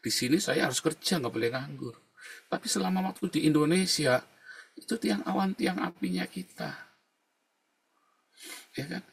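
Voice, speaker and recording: Husky-voiced pastor, chatty sermon. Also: male voice, high voice, moderate pace, long pauses. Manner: chatty storytelling, often adds "saudara ya"; rises to loud indignant emphasis. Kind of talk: informal sermon.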